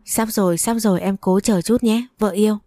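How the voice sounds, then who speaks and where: A woman's voice: medium pitch, steady tone, normal speed, dark tone, no echo, studio quality, lightly acted. A woman reading a story aloud, voicing a flustered, panicky young husband who stammers and repeats himself.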